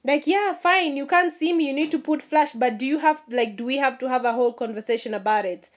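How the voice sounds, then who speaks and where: A young woman from Kenya ranting casually to her viewers, animated and laughing, swearing freely and mimicking people. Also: fairly quick. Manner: animated, swearing, mimics others in high voices, laughs at herself. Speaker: vlogger. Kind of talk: casual rant to camera.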